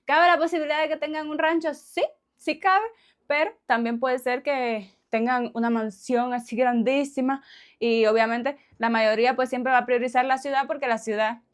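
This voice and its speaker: A woman from Cuba with a Cuban accent, chatting casually to her viewers, laughing often and tossing in little questions. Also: mid-range voice. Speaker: vlogger. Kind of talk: casual chat to camera.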